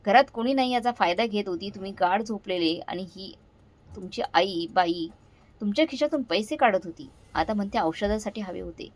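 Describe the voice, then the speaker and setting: Woman doing a scornful, shouting young daughter-in-law. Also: medium pitch, expressive, moderate pace, lightly acted. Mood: furious scorn. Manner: accusing, shouting.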